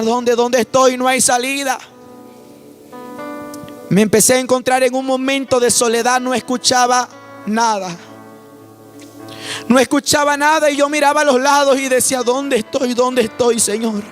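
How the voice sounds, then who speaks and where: Male preacher, very high voice, swells to shouting, speaks in tongues, soft music behind. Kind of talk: dramatic testimony sermon.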